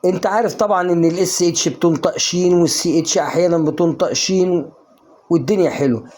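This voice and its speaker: A man's voice: on the high side, fast, a little mellow, a little hiss or hum. An Egyptian man teaching English pronunciation in a casual online lesson, coaxing the viewer with questions he answers himself. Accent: Egyptian Arabic.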